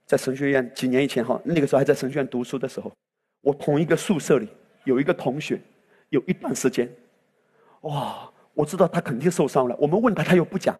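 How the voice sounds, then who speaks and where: A man's voice: medium pitch, fast talker, a little mellow, breathy edge. A male pastor preaching a sermon with impassioned delivery that swells into exclamations, recorded in a church hall. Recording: reverberant hall sound.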